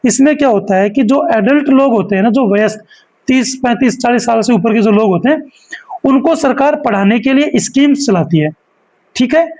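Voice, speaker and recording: A man with a strikingly high voice teaches a school lesson. He works through it step by step and keeps checking that his students are following along. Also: expressive, moderate pace, a little mellow, rough recording. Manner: explains step by step, often checks in with "okay?".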